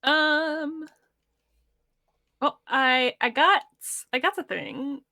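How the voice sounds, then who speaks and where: Bright-voiced woman planning her move. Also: high voice, very slow, no echo. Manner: thinks aloud, lays out plans step by step. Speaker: player. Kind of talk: tabletop role-play chat.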